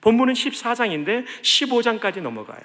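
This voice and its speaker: A high, bright male voice preaches to his congregation, his pitch leaping around with lively energy. He swings from loud exhortation to soft, close asides and has the crowd repeat lines after him. The sound carries the long reverb of a large church sanctuary. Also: fast talker. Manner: leads the congregation in call-and-response. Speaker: pastor. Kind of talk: sermon.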